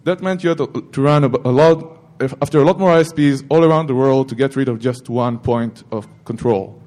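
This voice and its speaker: A man's voice: mid-range voice, fairly quick, darkish tone. A middle-aged man giving an informal technical talk at a security conference, rambling with self-corrections and joking asides to the audience.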